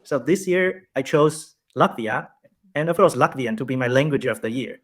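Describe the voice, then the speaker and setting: A young polyglot from Taiwan, appearing as a guest, answers interview questions over a video call in a friendly way, laughing often. His medium-pitched voice is animated, at a normal speed.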